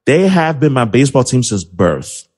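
A man's voice: medium pitch, big pitch swings, normal speed, darkish tone, slightly rough. A young man from New City, chatting about sports in a rambling, trash-talking way full of fillers. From New York City. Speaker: podcast guest, sports broadcaster. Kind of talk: casual sports chat.

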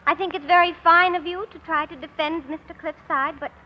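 A woman's voice: very high-pitched, steady tone, fairly quick. A woman playing a smitten, dramatic seventeen-year-old American girl in an old-time radio drama. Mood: haughty, dramatic. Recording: muffled, noisy old radio recording.

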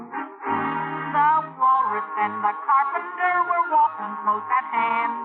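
Bossy, prattling twin brothers, who talk over each other in a sing-song way. The voice sits very high and leaps about. The recording is thin and phone-like, with loud music under it. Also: female voice, full character voice.

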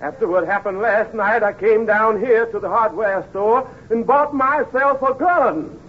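A man's voice: high-pitched, unhurried, breathy edge. An actor playing an aggrieved male cottage renter in a 1950s radio comedy. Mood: indignant. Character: aggrieved cottage renter phoning his landlady. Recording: muffled old radio recording.

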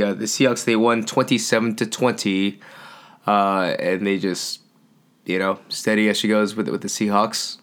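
A man hosting a sports podcast, chatting casually in a relaxed, rambling way with many fillers. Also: fairly low pitch. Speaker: podcast host.

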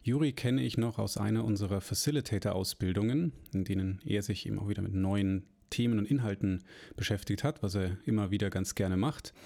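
A man hosting a podcast interview, relaxed and hesitant, often pausing with fillers. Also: lowish voice, gravelly. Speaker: podcast host.

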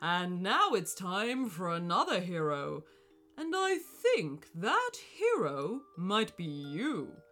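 A woman voicing a kindly old male wizard stuck in a car, speaking in a loud, grand, reassuring way. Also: lowish voice, huge pitch swings, takes it slowly, soft background music, full character voice.

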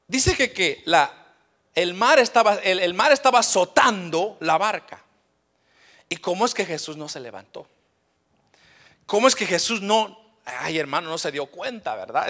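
High, gravelly, animated male preacher. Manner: addresses listeners as brothers, dramatic and animated. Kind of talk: sermon.

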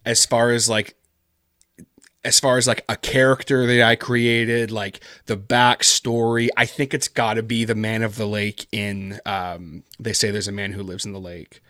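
A man's voice: fairly low pitch, flat delivery, measured pace, fairly bright tone, no echo, clean studio sound. A man guest chatting casually in an interview, rambling with lots of fillers. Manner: rambling, heavy on fillers like "like" and "kinda". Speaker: podcast guest, horror story writer. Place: based in Canada.

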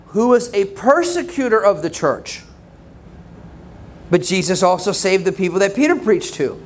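A man preaching a sermon in a conversational way, with quick asides and laughs. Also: high voice. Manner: conversational, laughing asides, acts out quoted voices.

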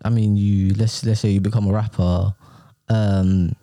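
A man's voice: lowish voice, level tone, a little slow, mellow, no echo, clean studio sound. A young man with a London urban roadman accent, hosting a casual chat full of street slang and tag questions. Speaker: podcast host.

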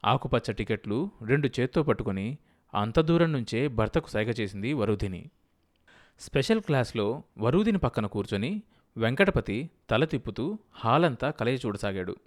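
A man narrating an audiobook in a steady storytelling manner. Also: mid-range voice, moderate pace. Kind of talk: scripted narration.

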